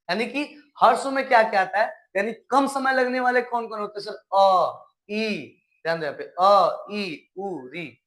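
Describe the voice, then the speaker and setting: Man, online class teacher, high voice, draws out vowel sounds, answers his own questions. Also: a bit bright. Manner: coaxing, asks questions then answers them; drawn-out recited vowel sounds. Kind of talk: live online class lesson.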